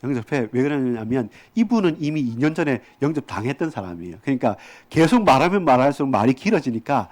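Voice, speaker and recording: Korean pastor preaching conversationally. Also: male voice, medium pitch, very animated, quick pace, hardly any pauses, darkish tone. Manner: explanatory, conversational preaching with fillers. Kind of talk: sermon.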